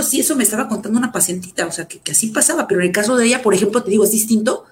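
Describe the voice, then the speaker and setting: A woman giving a personal testimony in a halting, emotional way, with many fillers and restarts, often dropping to a low, soft voice. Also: slight background noise. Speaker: survivor sharing her story.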